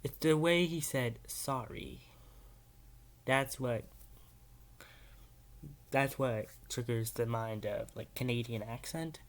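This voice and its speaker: A man's voice: medium pitch, slow, pauses often. A man hosting a casual video reaction, rambling and hesitant, with many filler words. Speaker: YouTube reaction host.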